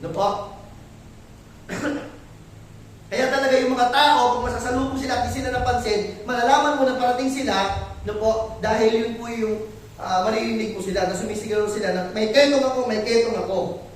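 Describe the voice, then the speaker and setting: A man preaching a sermon, with a strikingly high voice that rings around a big echoey church hall. He stands away from the mic, and a faint hiss runs under his words. He keeps checking in with his listeners through gentle rhetorical questions. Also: fairly even intonation, brisk, pauses often, far from the mic. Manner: polite preaching with frequent rhetorical questions to the congregation. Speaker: pastor.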